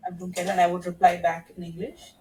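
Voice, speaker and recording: A woman's voice: fairly low pitch, monotone, quick pace, warm tone, a little hiss or hum, low-quality recording. A woman in her thirties, a podcast guest from India, telling a story in casual conversation and laughing now and then.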